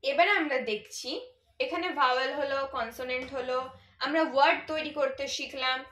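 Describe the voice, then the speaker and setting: Female teacher, high bright voice, patient letter-by-letter spelling, echoey room. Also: brisk. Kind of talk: children's English lesson.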